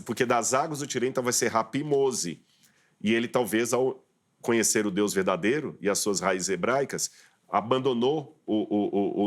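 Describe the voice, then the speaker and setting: A man, a guest professor on a studio talk show, explaining terms step by step in an interview. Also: on the low side.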